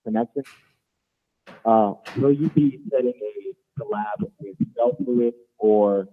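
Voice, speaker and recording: A man calling in to a radio show, speaking haltingly with many fillers, his voice muffled as if heard through a wall. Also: lowish voice. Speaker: caller. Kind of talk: call-in question to a radio show. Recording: muffled tinny phone line.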